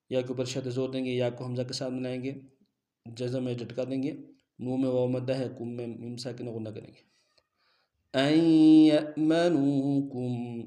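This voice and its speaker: Rapid-fire male recitation teacher, roomy echo. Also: mid-range voice, dark tone. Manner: rapid, instructive, drilling rules one by one. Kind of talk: step-by-step recitation lesson.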